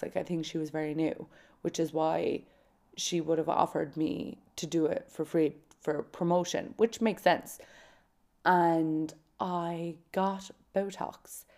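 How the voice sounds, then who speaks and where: A fairly low, mellow female voice carries this casual solo podcast monologue. The host, in her late twenties or about thirty, tells personal stories frankly, joking at her own expense and adding dramatic emphasis.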